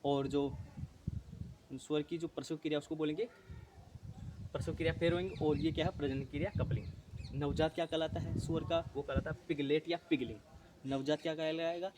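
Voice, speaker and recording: A man with a somewhat raised pitch teaches an exam-prep lesson. He drills each term by asking a question and answering it himself, stopping often to correct his slips. Faint background noise runs under his voice. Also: fairly even intonation, moderate pace, long pauses, darkish tone. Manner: repetitive, asks and answers own questions.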